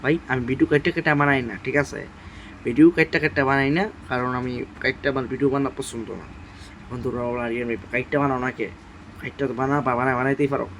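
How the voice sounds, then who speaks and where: A man talks through a game at night in a hushed, quiet voice. His pitch sits in an ordinary middle range. He circles back over the same phrases and pleads with his viewers, with a faint hum of noise behind him. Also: steady tone, fast talker. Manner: speaks softly and quietly late at night; repetitive, pleading with viewers, apologetic. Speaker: gaming channel host. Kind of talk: casual gameplay commentary.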